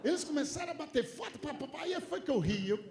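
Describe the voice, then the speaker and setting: Brief: Brazilian male pastor, high voice, storytelling sermon that swells into shouting, roomy church sound. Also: sing-song, fast. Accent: Brazilian Portuguese. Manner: swings from quiet storytelling to shouted preaching. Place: church hall. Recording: echoey church with faint ambience.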